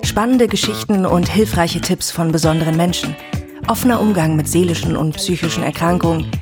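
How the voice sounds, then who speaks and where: A woman's voice: fairly low pitch, brisk. A woman reading a podcast intro as a polished announcer. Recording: voice over a music bed.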